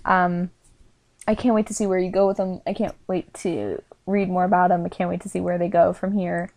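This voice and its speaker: A woman speaking softly in a casual review, warm and mellow in tone. She hesitates, fills gaps with ums and likes, and keeps apologizing. The sound is dry and close, with no room around it. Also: on the low side, steady tone, brisk, no room sound. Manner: hesitant and apologetic, many fillers; speaking quietly. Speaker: character reviewer.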